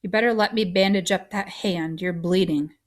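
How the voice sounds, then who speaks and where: Woman reading as a tired lady doctor in a storybook, hushed and gentle, talks soft and slow. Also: on the low side, natural voice. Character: weary, gentle middle-aged woman doctor. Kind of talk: audiobook reading.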